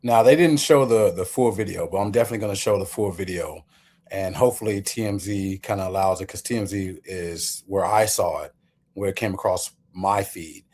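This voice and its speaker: A male host with a low-set voice delivers opinion commentary. He is emphatic and takes the listener through his points one step at a time. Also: brisk, a little mellow.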